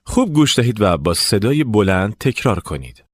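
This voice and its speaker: A man narrating a language lesson, giving clear step-by-step instructions. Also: fairly low pitch, sing-song, dry recording, studio quality. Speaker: language teacher.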